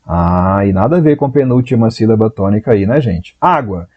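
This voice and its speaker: A Brazilian man teaching Portuguese in a live online exam-prep class, talking in a lively, chatty way and answering viewers by name. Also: lowish voice, normal speed, lo-fi sound. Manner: voices students' doubts in a raised voice.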